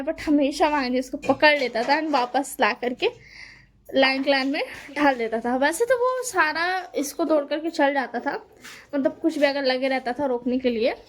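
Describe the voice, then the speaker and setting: A woman's voice: sits high, slight background noise. A woman casually retelling a fanfiction story, loose and chatty with fillers and self-corrections, lifting her voice for the quoted lines.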